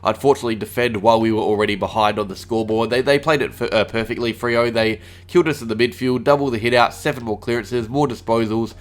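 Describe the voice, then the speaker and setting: A man's voice: medium pitch, steady tone, quick pace, few pauses. An Australian man with a slight cold, hosting his fan channel's solo review of a football game, with frequent "uh" fillers. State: a little sick. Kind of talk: solo sports review vlog.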